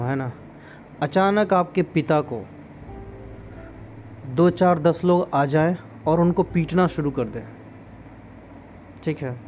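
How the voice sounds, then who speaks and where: A man's voice: on the high side, a little mellow, lo-fi sound, slight background noise. A man talking in an earnest, moralizing way, asking his listeners many rhetorical questions in a casual spoken monologue. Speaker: podcast host.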